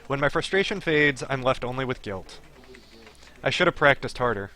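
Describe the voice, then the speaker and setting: A man's voice: medium pitch, lively intonation, normal speed, pushed and bright. A man streaming a game, reading story text aloud and breaking off into chatty, digressive commentary. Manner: chatty, digressive asides while reading narration. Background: game music.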